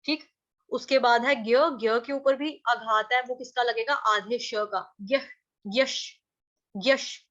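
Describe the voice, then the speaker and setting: A woman teaching how to chant Sanskrit verses, chanting each line slowly and then explaining the sounds syllable by syllable in a chatty, patient way. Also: on the high side, fairly even intonation, fairly bright tone, dull audio. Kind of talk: online class teaching verse pronunciation.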